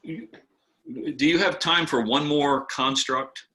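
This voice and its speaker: Bright-voiced man telling pastoral stories. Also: on the high side, a little slow. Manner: candid storyteller, a bit snarky. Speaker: pastor and workshop presenter. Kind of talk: conversational workshop talk with stories.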